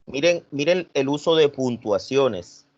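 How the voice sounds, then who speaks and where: A man's voice: medium pitch, expressive, measured pace, dry recording, dull audio. A man teaching an online class, repeating himself and questioning students.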